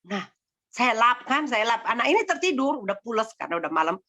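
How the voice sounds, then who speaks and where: A woman's voice: fairly high pitch, big pitch swings, a little fast, pushed and bright. A middle-aged woman giving a personal faith testimony to a congregation, telling it in a chatty, emotional way with many fillers.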